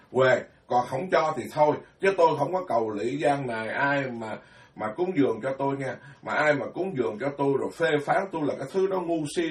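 Male Buddhist monk, frank lecturing voice, recorded from a distance. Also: medium pitch. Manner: blunt, scolding, self-deprecating. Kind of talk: sermon. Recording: echoey room, far from mic.

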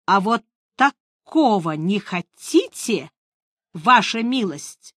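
A woman voicing a gruff, defiant male ship captain who speaks bluntly. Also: a little high, lively intonation, slow, pushed and bright, no room sound, studio quality, exaggerated voice.

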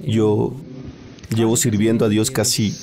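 A man's voice: fairly low pitch, level tone, unhurried. Man interpreting a sermon over a congregation. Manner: echoing each phrase right after the preacher. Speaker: church interpreter. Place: church hall with a congregation. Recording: live church recording with a crowd behind.

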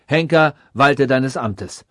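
A man's voice: mid-range voice, slow, a bit bright, no room sound, clean studio sound. A man voicing a cruel, mocking king in a radio story, with a haughty, sneering manner. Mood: stern.

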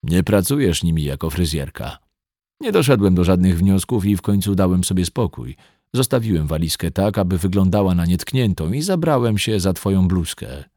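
A controlled, quietly threatening man in his forties, read by a male narrator. His voice is very deep and husky, and his delivery is lively despite the calm. The sound is close and dry. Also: moderate pace, dry recording. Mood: cool, menacing. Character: 42-year-old man, calm yet menacing. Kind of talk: audiobook reading.

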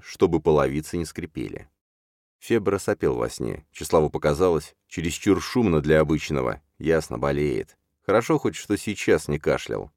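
Very deep-voiced male audiobook narrator. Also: darkish tone, no room sound, clean studio sound. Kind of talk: scripted narration of a dark fantasy novel.

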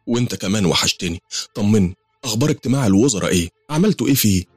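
A man's voice: on the low side, animated, rapid-fire, a little mellow, breathy edge, dry recording, soft background music, voice pushed up. A man with an Egyptian accent voicing a worried young wife who fears a scandal. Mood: anxious. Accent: Egyptian Arabic. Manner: worried, pleading. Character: anxious young wife, a college lecturer.

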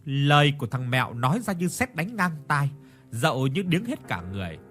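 A male storyteller narrates a rural ghost tale, his pitch rising and falling with lively drama. Faint music plays beneath his voice. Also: brisk. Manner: dramatic, acts out each character's lines. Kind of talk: scripted horror story narration.

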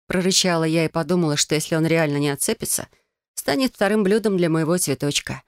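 A woman reads a first-person fantasy romance aloud, with a dry, sarcastic bite in her delivery. Her mid-pitched voice carries a gravelly texture. The recording is close and dry, with no room sound. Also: quick pace, dry recording. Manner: sardonic and sarcastic. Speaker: audiobook narrator.

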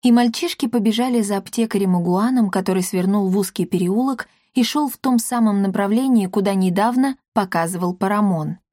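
A woman's voice: mid-range voice, fairly quick, hardly any pauses, dark tone, no room sound. Woman narrator, mid-range voice, dry close sound; storybook reading. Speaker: audiobook narrator. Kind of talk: scripted narration.

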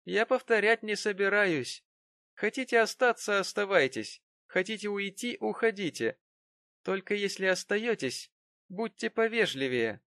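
A surly, violent-tempered brute who snarls his words, as a male narrator puts him on. He sits well above the reader's own pitch and gets loud. Close, dry recording. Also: expressive, a little slow, dry recording, heavily acted. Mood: sneering. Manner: grumbling, snarling.

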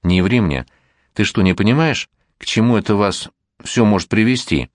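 A man reading the part of an exasperated middle-aged mother scolding her teenage daughter, stern and sharp-tongued. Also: on the low side, lively intonation, normal speed, no echo, studio quality, natural voice. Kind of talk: audiobook character reading.

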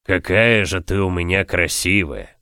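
A man's voice: deep voice, measured pace, bright, forceful tone, no room sound, clean studio sound, heavily acted. A man voicing a domineering, commanding husband. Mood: soothing.

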